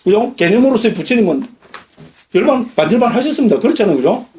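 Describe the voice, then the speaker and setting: Lively monk lecturer. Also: male voice, high-pitched, fast. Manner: lively, questions the audience often. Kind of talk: dharma lecture. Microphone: lecture recording.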